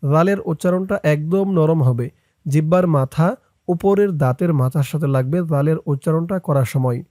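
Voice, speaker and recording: Bangladeshi male Quran teacher, high, unhurried, spells letters then chants each word long, dry close recording. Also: dark tone, no echo. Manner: spells out letters, then recites drawn out and higher. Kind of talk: slow syllable-by-syllable recitation lesson.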